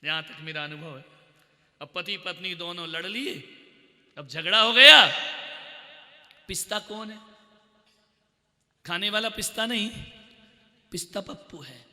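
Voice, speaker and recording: High bright-voiced male preacher in an echoey hall. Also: unhurried, pauses often. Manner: animated storytelling, acting out family quarrels with sudden loud outbursts. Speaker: Jain monk preacher. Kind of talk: sermon with humorous stories. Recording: echoey hall, long reverb.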